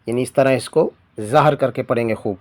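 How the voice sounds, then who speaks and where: A man teaching Quran reading, patiently explaining rules and spelling out letters slowly. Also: mid-range voice, no room sound. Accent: Pakistani Urdu. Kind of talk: spelling-out lesson, slow drawn-out recitation of letters.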